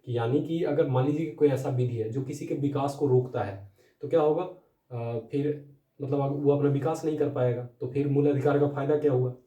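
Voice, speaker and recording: Young male tutor, patient and repetitive, dark mellow tone, echoey room sound. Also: mid-range voice, steady tone, brisk. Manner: explanatory, many fillers and tag questions. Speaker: teacher. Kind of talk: exam-prep lecture. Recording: echoey room, voice distant from mic.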